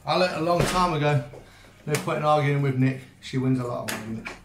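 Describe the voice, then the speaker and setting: A vlogger who also coaches youth football chats to camera casually and plainly, his voice on the high side and fairly quick over music. Holding his phone at arm's length, he shifts from rooms at home to the doorstep to the open outdoors, and the recording carries clear background noise and outdoor sounds.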